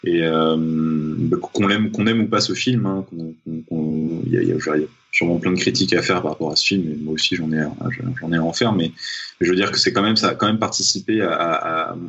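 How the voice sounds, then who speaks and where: A man's voice: sits low, steady tone, a little fast, fairly bright tone, husky, dull audio, faint music behind. A young man from Paris, a guest in a casual interview, talking hesitantly with many fillers and restarts. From Paris, France. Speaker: guest, freediving champion.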